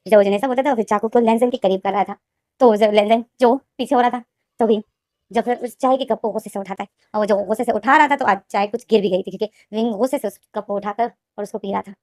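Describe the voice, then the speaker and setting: A woman casually retelling a fan-fiction story, talking rapidly and repeating names and phrases. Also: mid-range voice, a little mellow, dry recording, studio quality.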